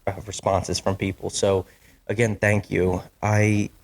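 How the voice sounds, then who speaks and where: A man hosts a casual solo podcast from his basement studio at home, speaking into a studio microphone. His fairly low voice is flat and unhurried, while his manner is chatty and apologetic, with many fillers and restarts.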